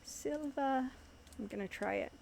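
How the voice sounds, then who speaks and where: A woman hosting a craft tutorial, thinking aloud in an unhurried way as she works at her desk, with soft asides. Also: medium pitch, vocal fry, noisy background. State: yawning, warm. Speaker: crafting channel host. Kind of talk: casual craft tutorial chat.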